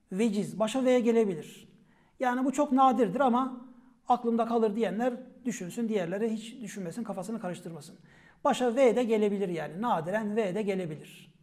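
A man with a high-pitched voice leads a vocabulary lesson on old word roots. He calls out each term sharply, then drops into a quieter, falling voice to explain it. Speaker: teacher.

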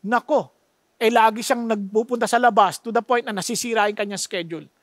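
Man from the Philippines, pastor, preaching, high-pitched, mixes in English, dry recording. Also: steady tone, a little fast, fairly bright tone, no echo. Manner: emphatic preaching full of rhetorical questions; mixes Tagalog with English phrases. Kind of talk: sermon.

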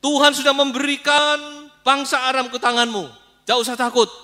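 A man voicing an eager male false prophet who proclaims loudly and flatters. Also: very high voice, fairly quick, long reverb tail, pitched above the performer's own voice. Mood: proclaiming. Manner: loud, proclaiming.

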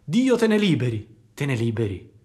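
A man voicing a sly, scheming fox who talks smoothly and coaxingly, sometimes dropping to a hush. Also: fairly high pitch, big pitch swings, normal speed.

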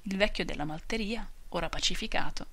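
A woman narrating a classic novel as an audiobook reader in a measured, steady way. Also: on the low side, gravelly, no room sound.

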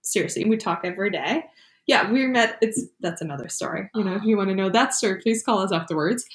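A woman's voice: mid-range voice, expressive, fast talker. A young woman from Germany chats as a guest on a home podcast, enthusiastic and eager to explain. Her mid-range voice carries a roomy echo from the living room around her. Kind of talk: casual video podcast conversation.

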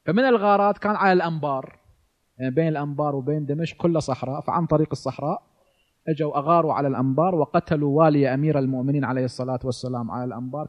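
A man's voice: medium pitch, lo-fi sound. A man in his forties with an Iraqi Arabic accent, giving a religious lecture and asking rhetorical questions that he answers himself. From Iraq. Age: 40s. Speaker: cleric lecturer.

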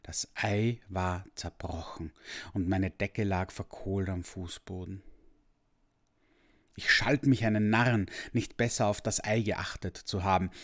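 A man with a fairly low voice reads a story aloud in the first person. His delivery is calm and measured, a steady storybook narration. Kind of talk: scripted narration of a children's story.

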